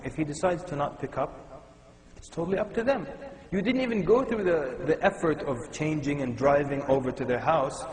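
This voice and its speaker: A man from Sudan giving a conversational, humorous Islamic lecture to a live audience. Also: on the high side. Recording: echoey hall with long reverb.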